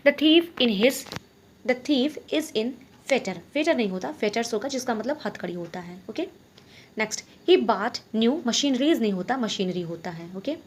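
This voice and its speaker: A woman teaching an exam-prep grammar lesson. She reads each sentence slowly, then explains it quickly and checks with "ok?". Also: on the high side, a bit bright, slight background noise.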